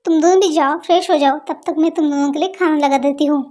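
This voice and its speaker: A woman's voice: high voice, fairly even intonation, fast talker, mellow, natural voice. A woman voicing a kindly mother who talks to her children in a reassuring way. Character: warm, kindly mother of the household. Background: music.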